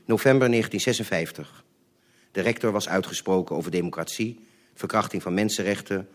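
A man reading his own short memoirs aloud in a measured, dry, deliberate way. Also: lowish voice. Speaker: memoir reader.

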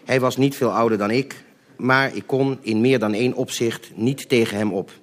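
A man reading his own short memoirs aloud in a measured, dry, deliberate way. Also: medium pitch, fairly even intonation. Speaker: memoir reader.

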